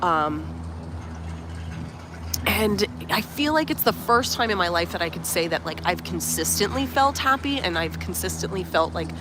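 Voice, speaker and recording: On a live stream at sunrise, a young woman who coaches life and hosts her own channel walks outdoors at a resort, talking casually and earnestly. Her lowish, expressive voice moves at a normal speed over background noise, a bit nasal from a cold. She's warm and reflective, peppering her speech with "um" and "like."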